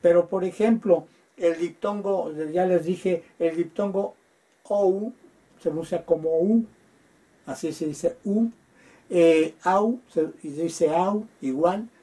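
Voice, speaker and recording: A man lecturing on Greek grammar, patiently spelling out word forms with frequent hesitant pauses. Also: high-pitched, dark tone. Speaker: Greek teacher.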